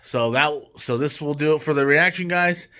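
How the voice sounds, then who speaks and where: A man's voice: fairly high pitch, moderate pace, sharp tone. A man hosting a casual movie review vlog, rambling with lots of restarts and fillers. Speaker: host.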